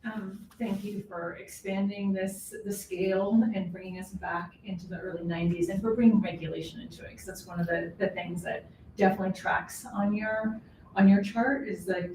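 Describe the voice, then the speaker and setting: A woman's voice: medium pitch, warm tone, a little hiss or hum. A woman in the audience asking the speaker a thoughtful question and correcting herself as she goes. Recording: distant roomy audience mic.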